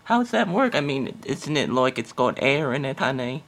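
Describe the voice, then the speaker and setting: A man's voice: mid-range voice, big pitch swings, moderate pace, a bit bright. A man voicing a chatty, skeptical female customer on a prank phone call, hesitant and exclamatory. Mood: amazed. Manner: hesitant, exclamatory, calls the listener honey.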